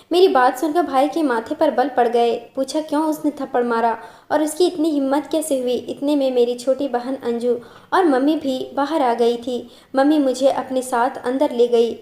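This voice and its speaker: A woman narrating a first-person family story in a steady, even reading voice, voicing the quoted dialogue herself. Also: high voice, reverberant.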